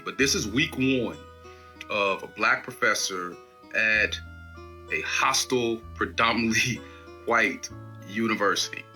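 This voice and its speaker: A man who is a university professor, recording an earnest, measured video diary with weighty pauses. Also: fairly low pitch, sharp tone.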